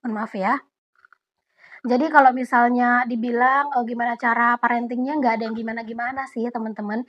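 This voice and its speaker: A young woman talks through viewer questions in a relaxed, chatty vlog manner, turning to her audience again and again. Her voice sits a little high. The audio is dull and lo-fi, as from a simple home setup. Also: brisk. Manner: relaxed, chatty, often addresses viewers directly. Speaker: vlogger answering viewer questions. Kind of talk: casual Q&A chat.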